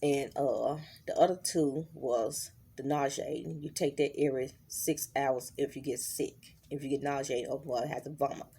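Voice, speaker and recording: A middle-aged woman, talking in a halting, worried diary vlog and holding back tears. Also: extremely low pitch, fairly even intonation, gravelly, dark tone, husky. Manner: halting, many fillers and restarts. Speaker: vlogger.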